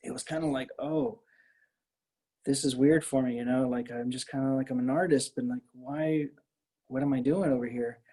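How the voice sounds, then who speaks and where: A middle-aged American man from the Miami area, Florida, talks casually as an artist in an interview, rambling hesitantly and repeating words. His mid-range voice stays steady at a moderate pace, mellow with a breathy edge.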